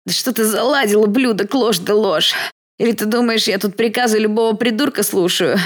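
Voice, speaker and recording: A man's voice: little pitch movement, fast, a little mellow, close to an everyday voice. A woman playing a snarling young bully. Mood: yelling. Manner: coarse, snarling, later shrill and panicky. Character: rude redheaded young male bully, snarling. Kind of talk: audiobook reading.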